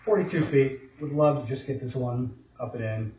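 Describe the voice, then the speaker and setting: Playing a round on his home golf simulator indoors, a middle-aged man comments on each of his shots at a moderate pace, quietly and with a harsh eye on himself. The room gives his medium-pitched voice a roomy echo and a slightly dull quality, with faint noise behind it.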